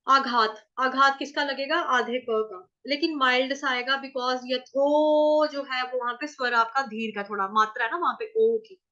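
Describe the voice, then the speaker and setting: A woman teaching Sanskrit verse pronunciation, sounding out syllables slowly and asking and answering her own questions. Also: high-pitched, pushed and bright. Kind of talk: pronunciation lesson, slow syllable-by-syllable chanting. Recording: dull lo-fi recording.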